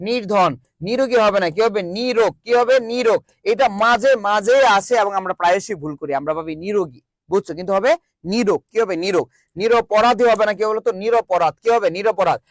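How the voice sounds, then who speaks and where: A teacher with a high, quick voice runs an online grammar lesson in a virtual classroom. He uses call-and-response drills, repeating every question and then answering it himself, and the dry, close sound carries no room echo.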